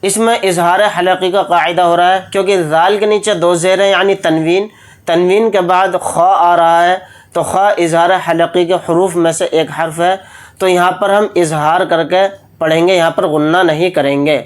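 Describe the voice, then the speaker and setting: A man teaching a tajweed lesson, explaining each rule briskly step by step. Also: high-pitched, fairly even intonation, clear, resonant tone. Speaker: Quran recitation teacher.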